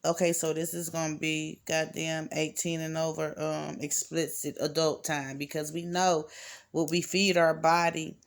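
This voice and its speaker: Woman card reader talkin straight to her viewers, gravelly voice, cusses a lot, rambles. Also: low voice, level tone, unhurried. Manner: blunt, rambling, cursing freely. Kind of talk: casual profane reading for viewers.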